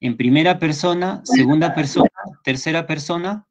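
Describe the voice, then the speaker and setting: A man's voice: on the high side, moderate pace. A man teaching English in an online class, with a Peruvian Spanish accent, patiently repeating points and checking that students follow. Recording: slightly dull lo-fi sound.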